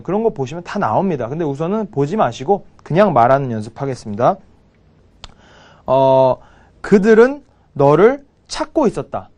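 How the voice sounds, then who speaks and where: A man with a slightly high, lively voice teaches English grammar. He drills English example sentences slowly and over and over. Between drills he talks in a blunt, chatty way. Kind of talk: spoken English lesson with drills.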